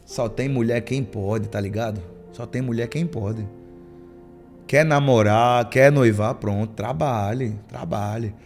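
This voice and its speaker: Pastor guy preaching, gravelly voice, faint music behind. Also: medium pitch, slow. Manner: lively preaching, acting out church members' lines. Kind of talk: sermon with storytelling.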